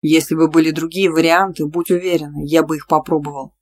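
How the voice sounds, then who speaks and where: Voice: medium pitch, flat delivery, a little fast, lightly acted. A narrator voicing a blunt, possessive young male PE teacher in an audiobook, demanding and teasing. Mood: tender. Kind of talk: audiobook dialogue reading.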